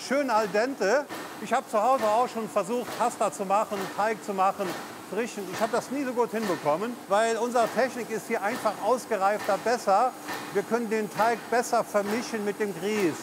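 German factory boss explaining on the floor. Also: male voice, high-pitched, moderate pace, background noise. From Eifel region, Germany. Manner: relaxed, explanatory, with fillers. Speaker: factory head. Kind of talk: on-site interview. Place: large food factory floor. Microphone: lapel mic. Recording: music underneath.

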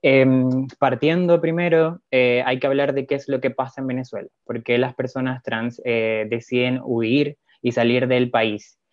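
Casting: presenter, male, flat hesitant delivery, dull dry lo-fi voice-over. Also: mid-range voice, no echo. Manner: measured, hesitant, with pauses and fillers. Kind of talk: narrated slide presentation.

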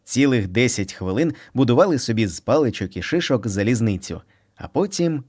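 A man narrating a children's storybook in an expressive, playful reading. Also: medium pitch, fairly quick.

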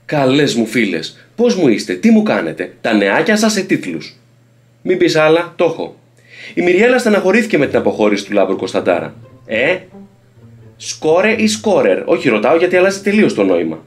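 A man's voice: mid-range voice, wildly swooping pitch, voice pushed up. A man putting on the voice of a chirpy TV gossip presenter reading out headlines in a singsong, exaggerated way. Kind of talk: mock TV presenting.

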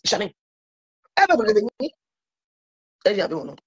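A woman's voice: mid-range voice, sing-song, fast, slightly rough, dull audio. A woman guest on a live stream, complaining in a heated, repetitive way. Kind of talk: casual live-stream chat.

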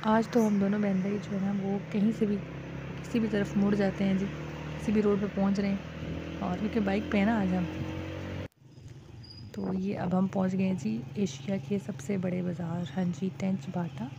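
A Pakistani woman chats casually to her viewers in a vlog, peppering her talk with "ji" as she shops at a night bazaar and later at home. Her medium-pitched voice barely moves and keeps a normal speed. The phone audio is dull and lo-fi, with faint street noise behind her.

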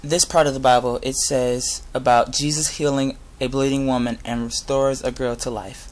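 A young adult man giving an informal sermon with Bible readings, speaking earnestly and a little haltingly. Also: mid-range voice, little pitch movement. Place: inside a garage. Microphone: device camera at close range.

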